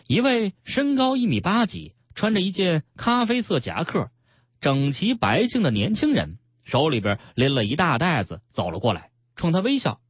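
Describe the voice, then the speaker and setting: A man, hosting a radio health show and reading a story aloud with calm, expressive storytelling. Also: a little high, slightly rough, no echo. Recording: dull radio broadcast.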